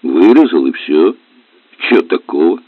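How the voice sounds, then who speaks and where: A man voicing a gruff, grumbling middle-aged helmsman with rough, mocking speech, read for a storybook. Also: deep voice, sing-song, measured pace, no echo, heavily acted. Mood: sullen. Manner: sullen, mocking, rough colloquial. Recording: tinny dry lo-fi audio.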